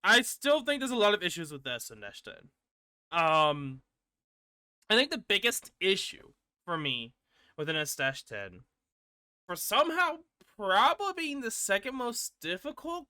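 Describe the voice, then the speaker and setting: A man's voice: high-pitched, sharp tone, clear, resonant tone, no room sound, studio quality. A man hosting a gaming channel, giving casual rambling commentary with frequent restarts and casual swearing.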